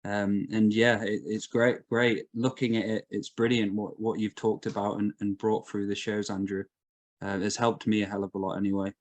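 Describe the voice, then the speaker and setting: A man's voice: on the low side, flat delivery, moderate pace, no echo. A man hosting a casual group chat, asking rambling questions full of fillers. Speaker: host.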